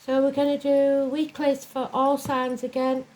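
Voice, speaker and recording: A woman's voice: high voice, monotone, measured pace, a little mellow, low-quality recording. A woman giving an informal horoscope reading in a plain-spoken, rambling way, as host of a zodiac series. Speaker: tarot and astrology reader, host of a weekly zodiac reading. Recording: clear fan noise behind the voice. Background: whirring fan.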